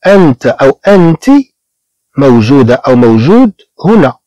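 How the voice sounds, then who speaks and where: A man from Morocco who teaches beginners French. He repeats each word slowly and explains it in Moroccan-accented Arabic. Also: mid-range voice, lively intonation, mellow, no echo, rough recording. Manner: slow repetition of words, explaining in Arabic.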